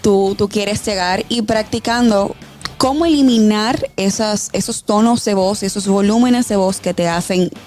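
A woman's voice: mid-range voice, unhurried, a little mellow, faint music behind. Articulate woman guest on a radio show. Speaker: guest, communication coach. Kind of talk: radio interview.

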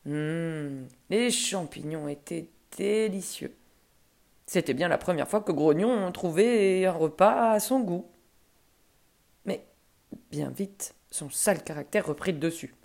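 A woman storyteller reading a children's tale aloud in a gentle voice that often drops to soft, hushed tones. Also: lowish voice, lively intonation, slow pace, gravelly.

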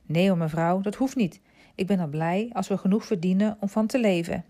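A woman's voice: medium pitch, fairly quick, mellow, natural voice. A woman voicing a polite, modest young boy who performs on the street for his living, in a storybook reading.

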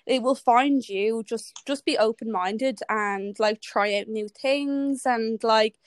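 Young Irish woman guest, frank and rambling, fairly high voice, dry close sound. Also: takes it slowly, no room sound. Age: 20s. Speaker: podcast guest. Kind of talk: casual interview chat. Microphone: remote call audio.

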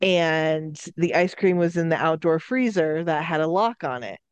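A woman's voice: low voice, normal speed, clear, resonant tone, no room sound, muffled recording. A woman co-hosting a casual podcast, telling a story bluntly, swearing freely and stressing her points. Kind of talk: casual chat.

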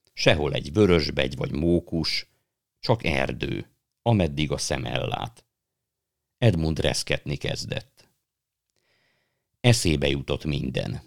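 A man narrates a fantasy story in the manner of an audiobook reading. His voice sits extremely low. He keeps an even, measured storytelling pace. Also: creaky, dry recording, clean studio sound.

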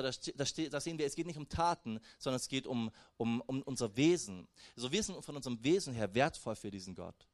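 A man's voice: mid-range voice, no room sound, studio quality. A young man giving a casual, conversational sermon, talking straight to his listeners. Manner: conversational, lively, addresses listeners directly with "hey" and "weißt du". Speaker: preacher.

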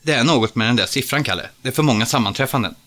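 A male reader voicing Erik, a wide-awake, bossy young man who talks briskly and insistently. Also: medium pitch, a bit bright, pitched above the performer's own voice, lightly acted.

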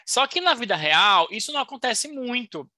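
A woman teaching a recorded English lesson in a playful, teasing, encouraging way, slowly modeling English phrases for learners to repeat. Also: fairly high pitch, big pitch swings, bright, forceful tone, no echo.

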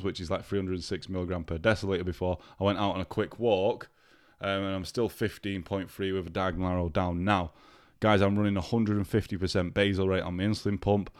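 Deep-voiced and clearly congested from illness, a man runs a casual solo podcast, swearing liberally and talking right to his audience. The studio audio is clean with no room sound.

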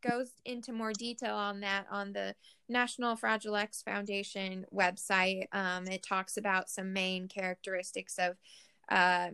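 A woman's voice: medium pitch, level tone, moderate pace, bright, forceful tone, clean tone. A woman hosting a podcast interview, talking earnestly with many fillers and restarts. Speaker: podcast host. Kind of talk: conversational interview.

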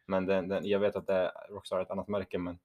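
A man's voice: deep voice, completely flat delivery, darkish tone, highs cut off. A young man, co-hosting a casual podcast chat, playful and sprinkling in English words. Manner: playful, mixes in English words, laughs often. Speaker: podcast co-host.

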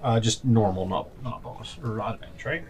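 A man's voice: fairly low pitch, a little fast, darkish tone. A man chatting casually as a player in a tabletop role-playing game. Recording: clear background room noise.

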